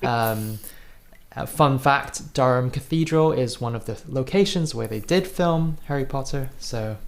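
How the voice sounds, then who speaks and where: A man's voice: mid-range voice, unhurried. A man in his thirties from Singapore, an interview guest telling his story in an earnest, thoughtful way with frequent restarts. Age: 30s. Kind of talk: reflective personal storytelling.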